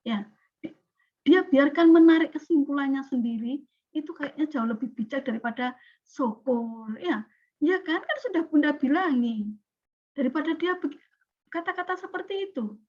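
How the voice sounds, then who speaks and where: A woman teaches a class in a lively way, checking in with her students as she goes. Her voice sits high. The recording sounds dull and lo-fi. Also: normal speed, pauses often. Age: 40s. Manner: lively, questioning students often. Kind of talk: classroom lecture.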